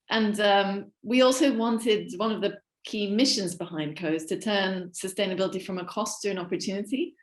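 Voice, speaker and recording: A woman on the platform team walks viewers through a webinar while sharing her screen. Her medium-pitched voice is steady and explanatory, with some filler ums, and the sound is roomy.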